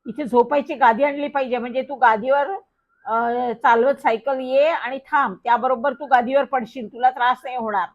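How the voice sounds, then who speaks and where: A woman's voice: sits high, steady tone, moderate pace, natural voice. A woman voicing a careless, playful young boy who is a friend in a storybook, speaking in an offhand, teasing way. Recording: dull lo-fi recording.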